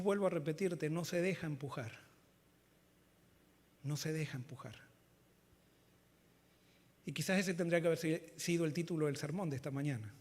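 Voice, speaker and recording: Male pastor, high voice, fervent sermon, swings loud to hushed. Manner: fervent preaching that swings between loud emphatic lines and low quiet ones.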